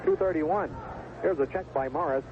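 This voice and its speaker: A man with a fairly high-pitched voice gives live baseball play-by-play at normal speed, folksy and colorful in his phrasing. He broadcasts from an outdoor ballpark booth, and the audio has the tinny, noisy quality of 1970s AM radio.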